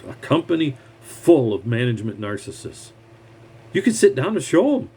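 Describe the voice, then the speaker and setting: A man's voice: medium pitch, sing-song, moderate pace, mellow, husky. A mechanic, a man, giving blunt, heated advice in a scornful rant straight to the camera. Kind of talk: ranting advice monologue.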